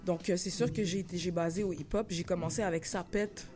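A woman in her thirties with a Québécois French accent, a rapper chatting in an interview, laid-back, halting, full of slang and restarts. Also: fairly low pitch, steady tone, music in the background. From Laval, Quebec. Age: 30s. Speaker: rapper guest. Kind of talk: casual interview chat.

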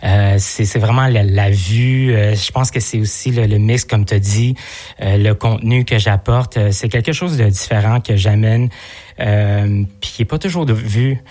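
Québécois dude on the radio as a guest, low-ish voice, says euh a lot and repeats himself. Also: male voice, moderate pace, dark tone. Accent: Québécois French. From Montreal area, Quebec. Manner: hesitant, many fillers and repeated words. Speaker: interview guest. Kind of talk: radio interview. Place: radio studio.

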